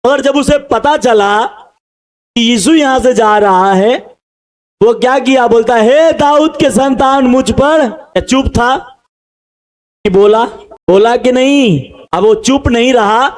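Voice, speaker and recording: Male preacher with a very high voice, fervent and animated, addressing his congregation in a sermon. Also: takes it slowly, long pauses. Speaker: pastor.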